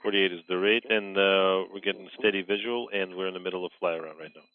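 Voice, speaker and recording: Guy on a crackly thin mission radio loop, lowish voice, halting control calls with lots of uhs. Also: steady tone. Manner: halting, with frequent fillers. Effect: tinny mission radio loop. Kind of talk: space-to-ground radio calls. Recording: narrow-band radio line.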